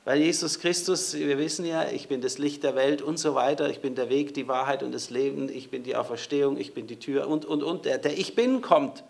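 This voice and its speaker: A man's voice: medium pitch, brisk, vocal fry, hardly any pauses. A man preaching a sermon in a conversational way, speaking directly to his listeners.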